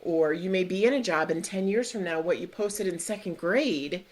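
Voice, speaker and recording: A woman's voice: on the low side, normal speed. A middle-aged woman on a school's mental health staff, thinking aloud in a conversational interview and working her ideas out as she goes. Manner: thoughtful, talks ideas through with restarts and asides.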